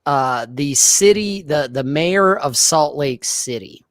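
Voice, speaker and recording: A man co-hosting a casual video-call show, talking in a laid-back, blunt way and often clearing his throat. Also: a little high, animated, slow, no echo, studio quality. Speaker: podcast co-host. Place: home room, indoors.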